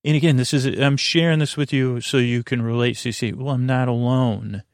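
An American man hosting a bedtime podcast speaks in a creaky, gravelly, middling-pitched voice with fairly even intonation. His rambling sleep monologue meanders, halting and doubling back as he interrupts himself. The sound is close and dry, with no room sound.

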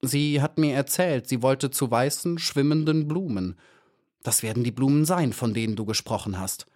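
A man doing a gruff hornet warrior. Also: mid-range voice, normal speed, darkish tone, pitched above the performer's own voice, lightly acted. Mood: pleading. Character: proud male hornet guard, rough warrior.

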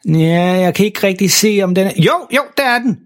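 A man playing a clueless, boastful father who talks loudly and proudly. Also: sits high, voice pushed up, natural voice. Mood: boisterous. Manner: boastful, boisterous. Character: bumbling proud dad, loud and clueless.

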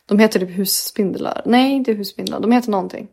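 A young woman talks casually on a podcast, blunt and outspoken, often reacting with open disgust. Her pitch sits in an everyday middle range. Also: creaky, darkish tone, breathy edge. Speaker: podcast co-host.

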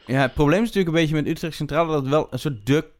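A man's voice: a little high, rapid-fire. A man hosting a podcast, chatting casually and musing about ideas. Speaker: podcast host.

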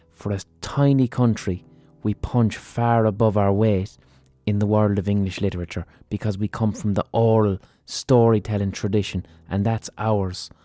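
Irish guy doing a podcast intro, low mellow voice, earnest and sweary, bit of music behind. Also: dry recording. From Ireland. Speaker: podcast host. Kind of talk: casual spoken podcast introduction and interview.

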